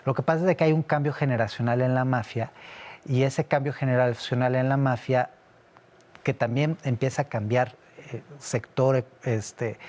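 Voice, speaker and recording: Here a middle-aged security analyst from Italy, the interview's guest, talks at an ordinary pitch with a darkish tone. He gives long, patient explanations in a conversational way, frequently stopping on fillers and starting his sentences over.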